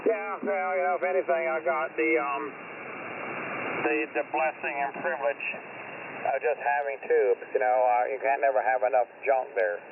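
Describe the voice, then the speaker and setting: A man with a heavily creaky voice talks over a mistuned ham radio, squeezed into a thin band with clear static. His chat is folksy and halting, and he often doubles back on his words. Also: mid-range voice, phone-quality sound. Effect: mistuned ham radio voice, drifting off frequency. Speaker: amateur radio operator.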